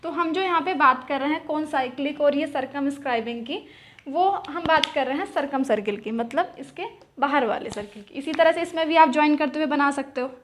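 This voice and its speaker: High-pitched woman teaching math. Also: brisk, fairly bright tone, slight background noise. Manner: asks questions and answers them herself, repeats key terms. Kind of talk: explaining at a whiteboard.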